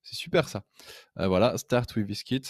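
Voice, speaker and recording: Male tutorial host, low register, dry sound; chatty, eager, hesitant delivery for a screencast demo. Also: animated, moderate pace, no echo. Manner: chatty and enthusiastic, hesitant with many fillers. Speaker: web design trainer. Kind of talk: casual screen-recorded software demo.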